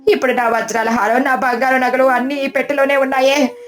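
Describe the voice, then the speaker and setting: A woman's voice: high-pitched, level tone, fairly quick, lightly acted. Woman playing a wailing rich older lady. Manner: crying, wailing.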